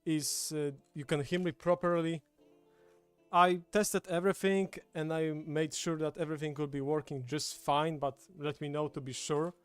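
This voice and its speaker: A man from Poland hosts a livestream, chatting casually in his native Polish with a Polish accent. His voice leans high, shows little pitch movement, moves at a moderate pace, and has a clean tone. He's indoors at a table with a streaming setup, and background music plays.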